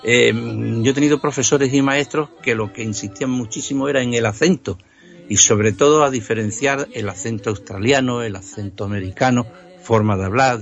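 Enthusiastic Spaniard on dull lo-fi radio. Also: male voice, lowish voice. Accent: Spanish from Spain. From Extremadura, Spain. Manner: enthusiastic, explanatory. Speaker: music history contributor. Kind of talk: casual radio conversation. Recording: dull lo-fi sound.

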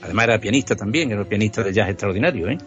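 A man's voice: on the low side, lively intonation, racing, a bit bright. Chatty man, muffled lo-fi sound. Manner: chatty, explanatory, lots of restarts. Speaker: radio co-host presenting old recordings. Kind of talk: casual on-air chat. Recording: muffled lo-fi recording.

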